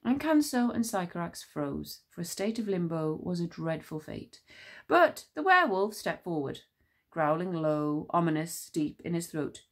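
Teacher reading aloud, woman, expressive storyteller, children's chapter book. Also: on the low side, moderate pace.

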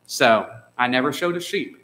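Bright-voiced man preaching a sermon. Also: medium pitch, animated, normal speed, rough recording. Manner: conversational, asks the congregation questions. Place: church sanctuary.

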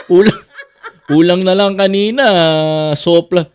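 Man, vlogger, teasing commentary, frequent laughter, slow drawn-out delivery, swooping pitch. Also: big pitch swings, a little hiss or hum. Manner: laughs often, teasing, repeats himself. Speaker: vlogger host. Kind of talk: casual mocking commentary.

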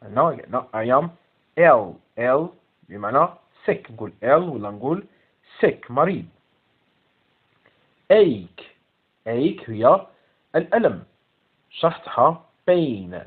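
A man's voice: medium pitch, big pitch swings, slow pace, pauses often, breathy edge. A man with an Algerian Arabic accent corrects an English exam, repeating each English word and explaining it in Arabic. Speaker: English teacher. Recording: tinny phone-like sound.

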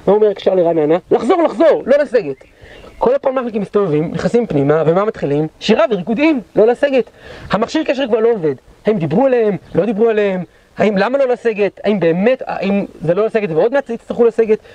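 A man leading a guided history tour, telling battle stories dramatically and acting out the shouts of those involved. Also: high-pitched, animated, no echo. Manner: dramatic storyteller, acts out quoted shouts. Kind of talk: guided tour storytelling lecture. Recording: dull lo-fi recording.

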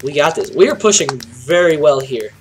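High-voiced nasal young man commentating a game. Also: normal speed, slight background noise. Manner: excitable, jokey, shouts bursts at the game. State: nasal, stuffy nose. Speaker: gameplay commentator. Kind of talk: casual gameplay commentary. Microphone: home desk mic.

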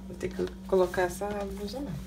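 A woman's voice: mid-range voice, steady tone, a little fast, noisy background. A young Brazilian woman chatting casually to her viewers in a home vlog, speaking Portuguese with a Brazilian accent. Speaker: vlogger. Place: home, indoors.

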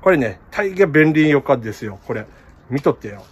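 A man's voice: mid-range voice, big pitch swings, fairly quick, husky, lo-fi sound. A middle-aged man with a Kumamoto dialect, chatting casually in a plant vlog and laughing at himself. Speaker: plant shop owner.

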